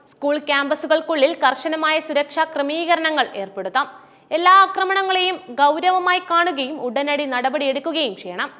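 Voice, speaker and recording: A woman narrates a news commentary in a formal, measured reading. Her voice sits high. The recording carries a long, hall-like reverb. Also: fairly bright tone.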